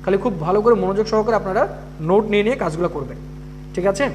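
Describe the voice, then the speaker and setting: A man's voice: high-pitched, fast talker, a little hiss or hum. A man teaching an English grammar class, repeating each rule and often checking that students follow. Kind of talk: live online class.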